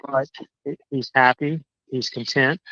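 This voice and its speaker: A man talks over a crackly phone line that keeps fading in and out. The sound is muffled and dull, dry, at an ordinary middle pitch. He speaks in halting bursts, restarting and repeating words as he grows indignant. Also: fairly even intonation, bright, forceful tone, no room sound. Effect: crackly phone line that fades in and out. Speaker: caller. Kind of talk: casual chat. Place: outdoors, walking a dog. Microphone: cell phone.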